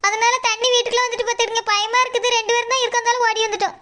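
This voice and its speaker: A woman's voice: very high voice, flat delivery, racing. A woman voicing a frightened village neighbour woman with a Tirunelveli Tamil accent, explaining urgently. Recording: loud hiss behind voice.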